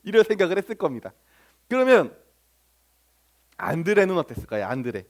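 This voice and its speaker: Very high-voiced male pastor preaching. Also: sing-song, brisk. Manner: storytelling with rhetorical questions to the congregation. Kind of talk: sermon.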